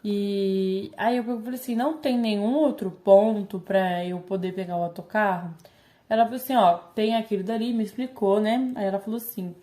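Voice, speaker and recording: A woman's voice: medium pitch, dark tone. A teenage girl with a Brazilian Portuguese accent, chatting to her viewers and retelling a story with lots of quoted dialogue. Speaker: vlogger. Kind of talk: casual storytelling to camera.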